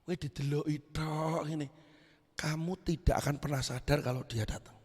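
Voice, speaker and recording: Male pastor preaching to youth, animated, high and gravelly, echoing through a big hall. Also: normal speed. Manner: lively preaching, swings from shouts to quiet asides. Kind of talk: youth sermon. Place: church hall. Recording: echoey church hall.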